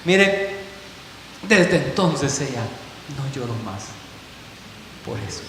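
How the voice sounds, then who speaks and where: A man preaching a sermon as pastor, telling a story, swinging from hushed passages to loud ones. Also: mid-range voice, sing-song, slow. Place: church. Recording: echoey church hall with faint hiss.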